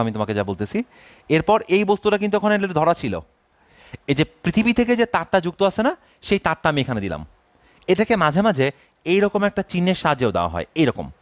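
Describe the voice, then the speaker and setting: A male physics teacher, his voice fairly high and swinging up and down as he explains. He keeps asking his students whether they follow. The sound is dry and close. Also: no echo. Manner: asks students constant check-in questions; mixes English phrases into explanations. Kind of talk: classroom lecture.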